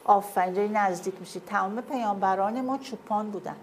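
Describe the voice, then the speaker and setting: A woman's voice: mid-range voice, slight background noise. A woman giving a classroom lecture with slides, often asking her listeners whether they see and follow.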